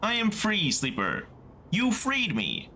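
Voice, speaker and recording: A man voicing a gentle, ancient male ship-mind navigator, speaking softly and slowly. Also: high voice, huge pitch swings, a little hiss or hum, voice pushed up, heavily acted. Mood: solemn. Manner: soft, slow, gentle delivery.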